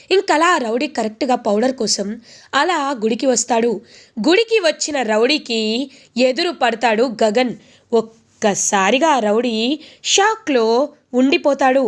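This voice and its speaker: A woman casually retelling a TV serial's story, chatty and full of fillers. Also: a little high. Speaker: narrator recapping a TV serial.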